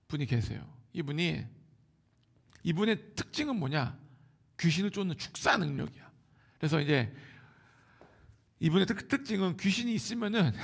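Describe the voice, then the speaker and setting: A man preaching a Sunday sermon with a Seoul Korean accent. His voice sits a little high and has a gravelly, husky edge. He swings from hushed, whispered lines to loud exclamations. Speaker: pastor.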